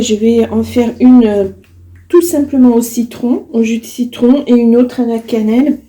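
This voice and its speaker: A hoarse woman talks her way through a home cooking demo, stopping and restarting as she works. Her voice has a gravelly catch, and the kitchen sounds echoey. Loud clatter of dishes and pans runs behind her. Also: medium pitch, noisy background. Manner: chatty, many fillers and restarts while working. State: hoarse, voice cracking. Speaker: vlogger. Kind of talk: casual cooking demonstration.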